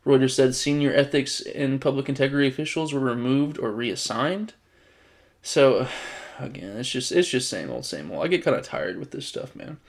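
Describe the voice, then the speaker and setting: Exasperated male political commentator. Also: medium pitch. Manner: exasperated and sarcastic, frequent restarts. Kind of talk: casual political commentary reading news items.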